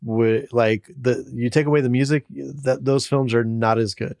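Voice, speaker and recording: A man's voice: mid-range voice, steady tone, normal speed, vocal fry, a little mellow, dry recording, clean studio sound. A man co-hosting a podcast, laid-back and casual, talking with slang and restarts.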